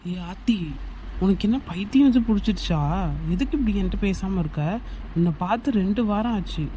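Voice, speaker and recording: A heartbroken young man from a homemade cartoon, pleading and quick to anger, acted by a performer. His voice sits at a middle pitch, and a faint hiss runs underneath. He talks insistently, repeating his appeals. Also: warm tone, natural voice. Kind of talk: amateur cartoon voice acting.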